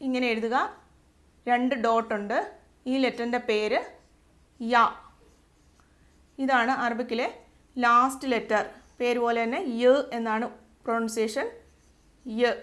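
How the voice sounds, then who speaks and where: With a Malayali accent and a voice pitched a bit high, an Arabic tutor gives a patient, slow alphabet lesson step by step. She pronounces every letter sound twice so learners can follow along.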